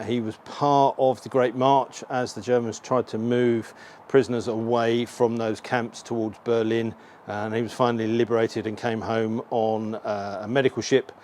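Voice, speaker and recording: A man's voice: mid-range voice, darkish tone. A middle-aged man casually talking through motorcycle gear as a vlogger, in an informal walkthrough to camera. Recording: clearly audible ambient background noise.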